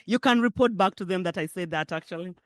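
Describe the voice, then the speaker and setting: A woman's voice: on the low side, fast talker, dry recording, studio quality. A middle-aged woman from Uganda with a Ugandan accent, giving a conversational keynote speech at a forum. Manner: warm, conversational, laughs often. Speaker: keynote speaker. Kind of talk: public speech.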